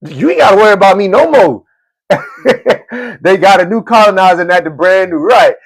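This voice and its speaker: Man, high voice, gravelly fry, profane animated rant, stammers and repeats. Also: moderate pace. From United States. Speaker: live stream host. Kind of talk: ranting commentary.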